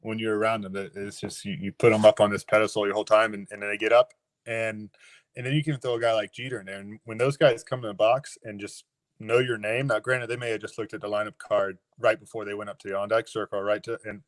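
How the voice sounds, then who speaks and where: A man in his thirties, a former baseball catcher, talks in a casual remote interview. He speaks reflectively and haltingly, with frequent restarts. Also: on the low side, little pitch movement, no room sound.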